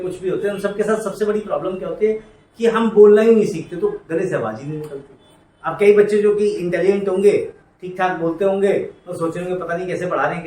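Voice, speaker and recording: The speaker is a man with a high voice and a darkish tone, lecturing an accounting class. He makes students repeat entries and scolds them with familiar coaxing. The audio comes from a distant mic in an echoey room, with faint noise.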